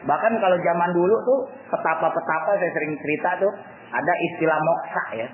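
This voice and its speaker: A man's voice: a little high, fairly quick. A man giving a casual religious lecture in a colloquial, joking way, often acting out what others said. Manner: colloquial and joking, acts out quotes. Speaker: religious teacher. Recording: tinny echoey lo-fi recording with faint noise.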